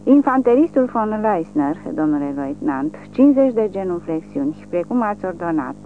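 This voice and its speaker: A woman's voice: mid-range voice, very animated. A woman voicing an older, demoted male army major who gives formal, clipped military replies. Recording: tinny lo-fi with faint hum.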